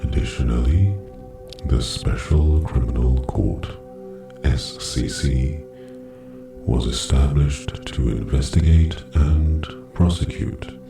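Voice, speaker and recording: Very deep, slow man over music. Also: gravelly. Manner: measured, even reading with long pauses. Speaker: meditation narrator. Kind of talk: slow scripted narration. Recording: echoey, distant voice over music. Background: music, singing bowl.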